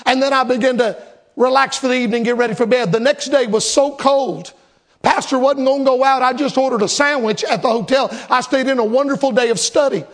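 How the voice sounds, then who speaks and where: A man preaching a sermon, telling a long personal story and building to animated repeated refrains. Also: very high voice, a little fast.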